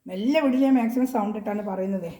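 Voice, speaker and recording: Fast-talking woman selling clothes. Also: medium pitch, echoey room. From Kerala, India. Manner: chatty, reassuring, repeats tag questions; speaks as loudly as she can. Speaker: online clothing seller. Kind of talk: casual product showcase. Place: at home.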